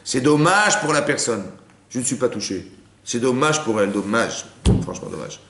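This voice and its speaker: A man's voice: mid-range voice, lively intonation, normal speed, a bit bright. A man, a rabbi, giving a spoken Torah lesson to a women's class. He mixes Hebrew terms into his talk and keeps asking his listeners if they understood. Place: lecture room with listeners. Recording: roomy room with faint background noise.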